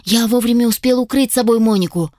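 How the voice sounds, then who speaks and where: A woman's voice: on the high side, brisk, warm tone, dry recording, studio quality. Woman narrating a fantasy audiobook. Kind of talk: scripted first-person fantasy narration.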